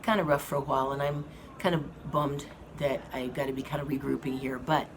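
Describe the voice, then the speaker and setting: The hum of an air conditioning fan fills a noisy hospital rehab room as a hoarse vlogger updates her viewers on her health. She has a bass voice and a steady tone, speaking slowly and haltingly with many fillers.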